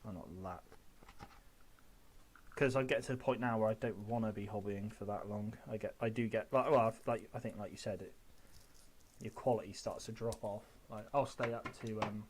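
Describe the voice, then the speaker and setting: A man's voice: lowish voice, fairly even intonation, moderate pace, a little hiss or hum. A man chatting casually on a stream, hesitant and full of fillers. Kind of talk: casual chat.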